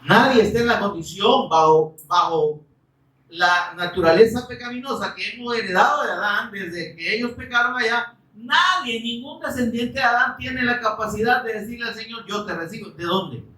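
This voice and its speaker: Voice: mid-range voice, moderate pace, distant mic. Emphatic preacher in a roomy hall. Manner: emphatic, rhetorical questions, bursts of shouting. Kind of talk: Spanish-language sermon. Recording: roomy, from off-mic.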